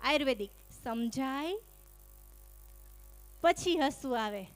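High-voiced woman telling stage jokes. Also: animated, takes it slowly, soft background music. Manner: chatty storytelling that acts out quoted exchanges. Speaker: stand-up comedian. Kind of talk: stand-up comedy storytelling on stage.

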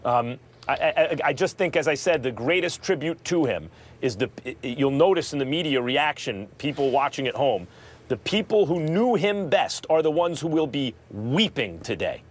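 Middle-aged sports show cohost, voice on the higher side, thoughtful, stops n restarts. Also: male voice, big pitch swings. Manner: measured, thoughtful, with halting restarts. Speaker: sports talk show host. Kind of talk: conversational sports talk tribute.

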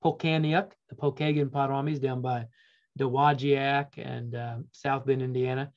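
Man teaching words over dull call audio. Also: mid-range voice. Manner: slow repeated vocabulary drills, then relaxed joking asides. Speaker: language teacher. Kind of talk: online language class. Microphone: video call.

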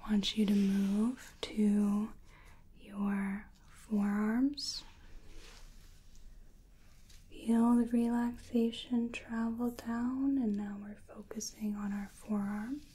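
A woman in her twenties in a whispered role-play as a soothing clinician, giving slow, breathy relaxation instructions up close. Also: medium pitch, little pitch movement, dark tone, low-quality recording. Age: 20s. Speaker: ASMR performer playing a sleep clinician.

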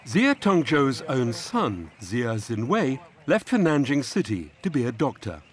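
A man giving measured, scripted documentary narration. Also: mid-range voice, sing-song.

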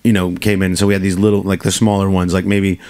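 Husky, hoarse man rambling in a studio. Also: sits low, flat delivery, fast, a little mellow. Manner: rambling, full of "like" and restarts. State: hoarse, tired voice after touring. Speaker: guest musician, band frontman. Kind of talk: casual interview chat. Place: radio studio.

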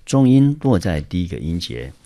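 A middle-aged Taiwanese man with a very deep voice teaches English vocabulary, spelling out sounds and meanings step by step. His pitch jumps up and drops down a lot as he stresses each point. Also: very animated, moderate pace, warm tone. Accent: Taiwanese Mandarin. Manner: explains step by step, often starting lines with "hao". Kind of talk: vocabulary lesson.

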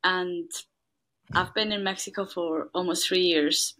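Her pitch sits fairly low and her intonation stays fairly even as she talks unhurriedly with a sharp tone, over slight background noise. This young Swiss woman, a native Swiss German speaker employed at a refugee school, is an earnest interview guest in a casual conversation who leans heavily on "like."

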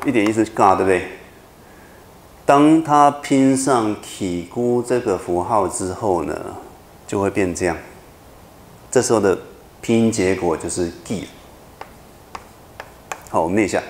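Speaking in a lowish, darkish voice, this university lecturer goes over his material patiently and repetitively, pausing often to check that the class understands. There's reverb and slight background noise.

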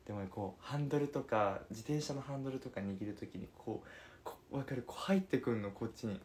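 A man's voice: mid-range voice, quick pace, darkish tone, slight background noise. A man in his twenties hosting a casual phone livestream, answering viewers' comments in a playful, chatty way and giggling between remarks. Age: 20s. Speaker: livestream host.

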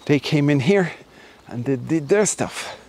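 His voice is on the high side, expressive, darkish, and slightly rough, delivered at a measured pace. As host of a history exploring channel, he narrates to the camera while walking outdoors through forest and ruins, enthusiastic, emphatic, and repeating words.

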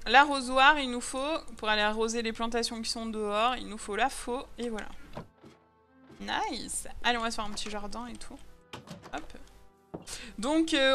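A young woman commenting on her Minecraft game in a chatty, excitable way, often laughing and squealing. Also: fairly high pitch. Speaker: gaming video host. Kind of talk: Minecraft let's play commentary. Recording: faint music underneath. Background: faint background music.

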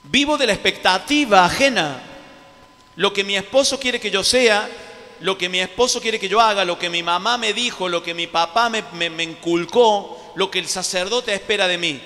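A man with an Argentine Spanish accent preaching an animated sermon, acting out little scenes, his throat sore from the effort. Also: high-pitched, moderate pace. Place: large church hall. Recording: live sermon with long hall reverb.

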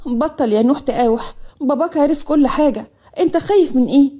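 A woman's voice: sits high, quick pace, mellow, pitched above the performer's own voice, close to an everyday voice. A woman voicing a scheming young college student with an Egyptian accent, pleading and insistent. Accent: Egyptian Arabic.

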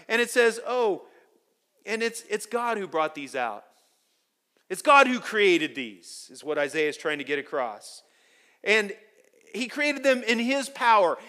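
A man preaching a sermon as pastor, telling stories with animated swings from quiet asides to loud emphasis. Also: high voice. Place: church sanctuary.

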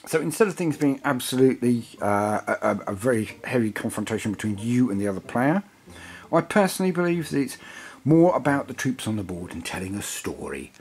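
A man's voice: medium pitch, sing-song, fairly quick, a little mellow. A tired man chatting casually as a hobby channel host, rambling and digressive as he reviews a game book. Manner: rambling and digressive, self-described waffler. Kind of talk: casual chat.

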